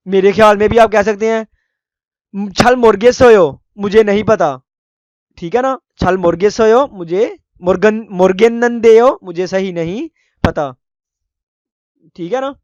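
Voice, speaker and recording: A man with a high, smooth voice teaches a language lesson. He sounds out foreign words slowly and repeats them, and he keeps checking in with his listeners. The recording is dry and close. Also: dry recording. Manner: frequent checking-in tag phrases. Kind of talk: explaining a lesson.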